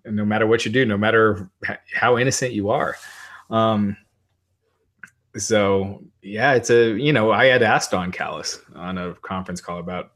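Casual wrestling chat comes from this podcast co-host, a man in his forties whose lowish voice has a fairly bright tone. His speed is normal, though his speech is hesitant and full of ums and uhs.

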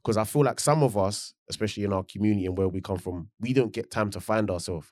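A man's voice: fairly low pitch, fast, darkish tone, no echo, clean studio sound. A man with a London accent chatting casually in roadman street slang, making his case persuasively and repeating phrases for emphasis. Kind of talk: casual chat.

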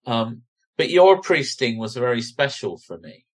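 A man's voice: mid-range voice, lively intonation, a little slow. A man with a Bristolian accent, chatting casually and teasingly as a podcast host.

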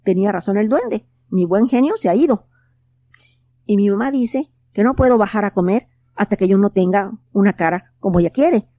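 A woman's voice: mid-range voice, lively intonation, moderate pace, mellow, dry recording, highs cut off, natural voice. A woman voicing a grumpy, hot-tempered young boy in a storybook, sulky and whiny. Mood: worried.

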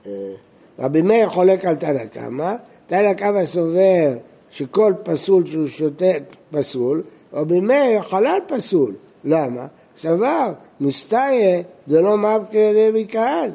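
A man's voice: sits high, expressive, gravelly, mellow. A man teaching a page of Talmud as a rabbi, reading lines aloud and explaining them, often asking questions and then answering them himself. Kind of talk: explaining a text line by line.

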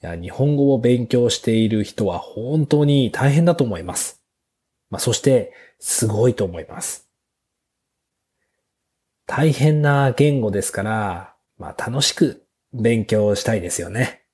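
A man hosting a beginners' Japanese lesson podcast, speaking slowly and simply with small fillers. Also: mid-range voice, animated, a little mellow. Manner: slow, clear teacher's delivery with fillers. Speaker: podcast host teaching Japanese.

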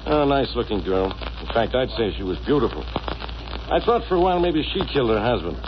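An actor playing a brusque, sarcastic and slow-witted police inspector in an old radio drama. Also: male voice, medium pitch, very animated, lightly acted. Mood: gruff, sarcastic. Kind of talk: 1950s radio drama acting. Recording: dull, hissy old radio recording.

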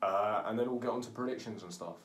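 A man's voice: on the low side, fast, a bit bright. A young man co-hosting a podcast, laid-back and joking in slangy casual chat. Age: young adult. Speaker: podcast co-host. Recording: roomy echo, far from mic, faint noise.

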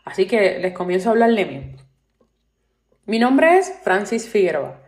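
A Puerto Rican woman in her twenties hosts her own solo podcast, speaking Puerto Rican Spanish in a mid-range, sing-song voice that is a little slow and a little mellow. She's opinionated and earnest, complaining about workplaces and leaning on fillers like "este" and "pues." The recording has a roomy echo.

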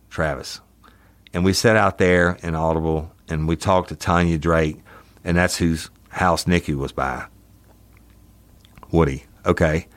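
A man's voice: sits low, dry recording. A man hosts in a dry, close recording. He reads an interrogation transcript aloud in procedural police fashion, giving each speaker's name before the words. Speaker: host, former police detective.

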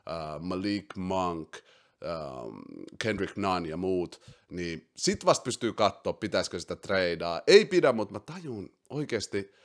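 Excitable man hosting a podcast. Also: sits low. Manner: excitable, swings loud and quiet; mixes English slang into speech. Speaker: podcast host. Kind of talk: casual basketball chat.

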